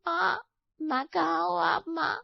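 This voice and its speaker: A woman's voice: on the high side, normal speed, dry recording, natural voice. A woman voicing a spiteful, scheming young sister-in-law in a cartoon story, with an accusing, whiny manner. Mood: whining. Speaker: voice actor. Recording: dry, slightly dull audio.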